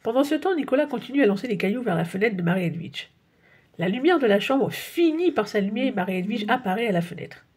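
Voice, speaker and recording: A woman narrating a children's audiobook in a lively, expressive storybook style. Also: a little high, fast talker, slightly rough. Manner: lively, expressive read-aloud.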